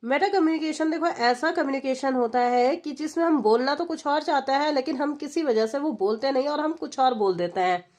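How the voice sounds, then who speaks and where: A woman's voice: high voice, brisk, hardly any pauses, darkish tone. A woman giving an exam-preparation lecture, explaining step by step and asking and answering her own questions for her students. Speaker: exam-prep teacher.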